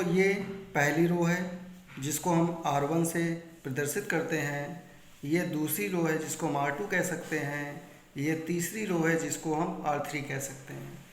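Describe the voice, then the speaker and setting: Higher-voiced Hindi teacher in an echoey room. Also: male voice, unhurried. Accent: Hindi-speaking north Indian. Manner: repeats key points and quizzes students with questions he answers himself. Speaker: maths teacher. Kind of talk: classroom lesson explaining step by step.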